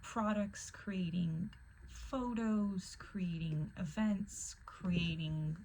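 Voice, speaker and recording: A woman chatting casually to camera in a soft, often whispery voice, with many fillers. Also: on the low side, extremely slow, rough recording. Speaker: vlogger. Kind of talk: casual chat.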